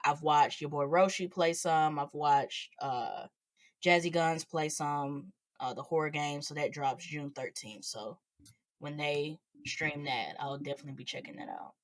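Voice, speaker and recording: A woman with a notably low voice co-hosts a podcast in relaxed, casual chat. Her sentences often drift quieter as she trails off. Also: unhurried. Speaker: podcast co-host.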